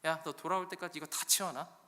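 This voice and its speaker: Man voicing a bossy irritable husband, barking and belittling, bright forceful voice, long hall echo, sermon role-play. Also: medium pitch, lively intonation, slow. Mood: scolding.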